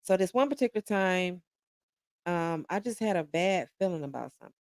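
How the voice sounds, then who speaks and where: Creaky-voiced woman telling a story. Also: lowish voice, a little fast, no echo. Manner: animated, conversational retelling. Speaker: podcast guest. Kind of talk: personal storytelling.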